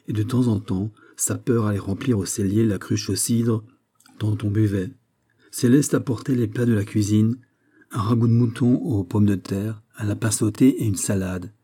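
A man narrating a classic story as an audiobook, in a measured, grave literary reading. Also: on the low side, dark tone, breathy edge. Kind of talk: scripted narration.

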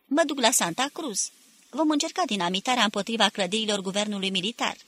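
A woman's voice: mid-range voice, a bit bright, close to an everyday voice. A woman voicing a weary male army captain with a harsh, tired voice, giving curt orders in an audiobook. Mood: brisk. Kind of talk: audiobook character reading.

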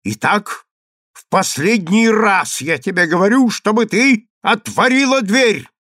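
A man's voice: medium pitch, sing-song, moderate pace, gravelly, slightly rough, no room sound, clean studio sound, heavily acted. A man reading a story aloud and voicing a domineering middle-aged husband who first coaxes his wife and then threatens her angrily. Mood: angry. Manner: coaxing, then loud and threatening.

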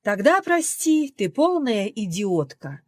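A woman reading an audiobook, voicing an indignant middle-aged mother who scolds her daughter in loud, rising outbursts, recorded dry and close. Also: mid-range voice, very animated, slow pace, no room sound. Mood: scolding.

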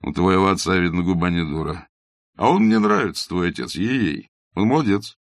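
A man's voice: low-pitched, very animated, a little fast, creaky, no room sound, heavily acted. Bazarov, a blunt, mocking young doctor, read by a man. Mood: wry. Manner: curt, ironic, matter-of-fact.

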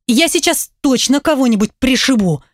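A woman voicing a brash young woman who yells and scolds impatiently into the phone, in an audiobook. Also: sits high, lively intonation, moderate pace, dry recording, studio quality. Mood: shouting, irritated. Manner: shouting, rude and impatient.

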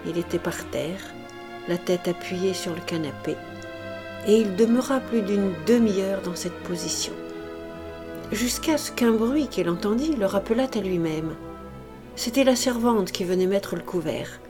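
A woman giving an expressive, dramatic audiobook reading of a classic novel, with music behind. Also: mid-range voice, unhurried. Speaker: audiobook reader.

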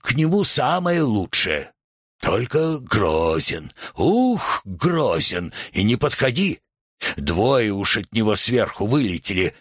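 A man's voice: lowish voice, big pitch swings, slow, fairly bright tone, husky, no room sound, studio quality, full character voice. A man voicing a fat, timid middle-aged man who babbles and cringes. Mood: fearful.

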